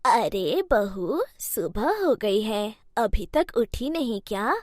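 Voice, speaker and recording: A woman doing a slow, stern old mother-in-law. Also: medium pitch, very animated, darkish tone, voice pushed down. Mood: stern, gentle. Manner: slow, scolding, then soothing. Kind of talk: cartoon storybook voice acting.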